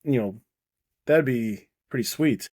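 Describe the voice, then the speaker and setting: A man's voice: mid-range voice, slow, darkish tone, slightly rough. A man co-hosting a casual podcast chat, talking in loose, rambling bursts with frequent restarts. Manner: rambling, many restarts, laughs easily. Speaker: podcast co-host.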